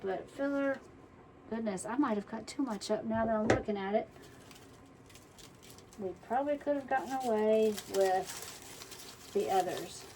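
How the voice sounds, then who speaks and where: A woman, chatting casually through a crafting tutorial and muttering to herself as she works. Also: fairly high pitch. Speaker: wreath-making tutorial host. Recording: distant mic, faint background noise.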